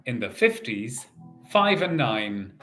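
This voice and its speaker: A man working as a bingo caller, calling out numbers in set phrases and repeating each in a measured, sing-song way. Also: mid-range voice, very animated, bright, forceful tone, soft background music.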